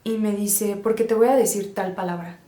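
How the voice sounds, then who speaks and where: A woman's voice: medium pitch, fairly even intonation, normal speed, mellow, reverberant. A woman telling a story casually but dramatically as a vlog host, repeating words and phrases emphatically for suspense.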